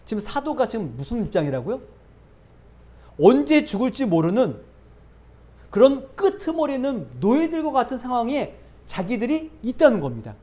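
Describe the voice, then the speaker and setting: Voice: mid-range voice, very animated, normal speed, mellow. A pastor preaching a sermon, asking rhetorical questions and answering them, building emphasis by repeating phrases. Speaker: pastor who planted a church.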